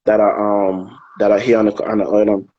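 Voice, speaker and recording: A man from Anguilla, a soca artist chatting casually in an interview, relaxed and hesitant, often repeating words while he thinks. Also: fairly low pitch, a little fast, highs cut off. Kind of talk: casual interview over a live video call. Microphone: phone on a live video stream.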